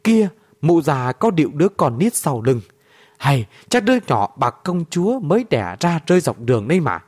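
Male narrator as hulking bald bandit, loud and rough, lively pitch. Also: normal speed. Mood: excited.

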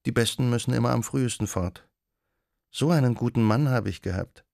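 A timid young widowed innkeeper woman, voiced by a male reader, chatty and earnest with a faintly plaintive edge. Her voice rises somewhat higher than his usual low tone, with a touch of gravel in it. The storybook recording is close and dry. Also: brisk, darkish tone, no room sound, lightly acted. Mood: wistful.

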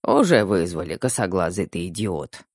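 A reader voicing a calm, mocking male professor with a lower voice in an audiobook. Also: moderate pace, no room sound, studio quality.

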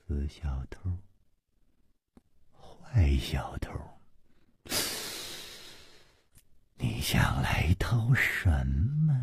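A man telling a martial arts story theatrically, swinging between hushed and loud delivery. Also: medium pitch, slightly rough, no room sound, studio quality. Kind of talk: dramatic audiobook storytelling.

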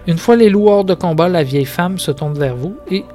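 A man's voice: high voice, a little fast, mellow, soft background music. A man with a Québécois accent hosting a podcast, reading a gamebook aloud with dramatic narration and casual asides. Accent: Québécois French. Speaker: podcast host.

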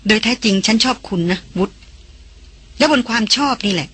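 A woman reading an audiobook, voicing a calm, worldly foreign woman who teases a younger man like an older sister. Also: on the high side, fairly quick, slightly rough. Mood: earnest. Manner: gently mocking, older-sister tone.

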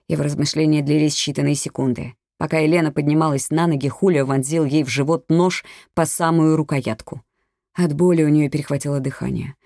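An audiobook narrator reads a crime thriller in a measured, even way. The voice is mellow and dark, close to the mic in a dry booth with no reverb. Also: mid-range voice, vocal fry.

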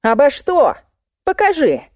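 A woman's voice: sits high, wildly swooping pitch, measured pace, darkish tone, dry recording, clean studio sound, pitched above the performer's own voice, exaggerated voice. A woman voicing a short-tempered, complaining male traffic cop in an audiobook. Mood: indignant. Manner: indignant, complaining.

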